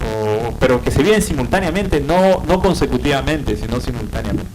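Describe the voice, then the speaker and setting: A man's voice: medium pitch, lively intonation, a little fast, noisy background. A man with a Peruvian Spanish accent giving a university psychiatry lecture, explaining patiently and often checking in with tag questions and fillers.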